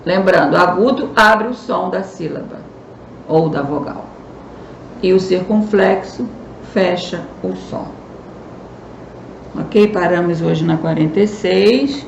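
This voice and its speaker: A woman's voice: lowish voice, slow pace, vocal fry, pauses often, highs cut off. A Brazilian woman teacher with a Brazilian Portuguese accent, patiently explaining a recorded school lesson and stressing key words. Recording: echoey room, faint noise.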